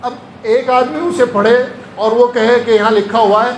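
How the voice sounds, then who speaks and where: A man with a very high voice delivers a sermon as a chain of anecdotes, acting out the people in them. He is recorded in an echoey room with a faint hum of ambient noise behind him. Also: steady tone. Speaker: Islamic preacher. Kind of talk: sermon-style storytelling lecture.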